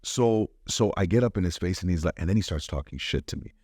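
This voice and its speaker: Very deep-voiced man telling animated stories. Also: quick pace, breathy edge, no room sound, clean studio sound. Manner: animated anecdote-teller, acts out quoted dialogue. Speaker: realtor and podcast host. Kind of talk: casual storytelling chat.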